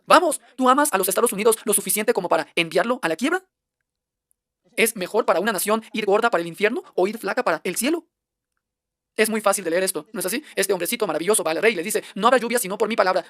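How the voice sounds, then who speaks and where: A man's voice: high voice, a bit bright, dry recording. A man preaching a translated sermon, emphatic and firing off one rhetorical question after another.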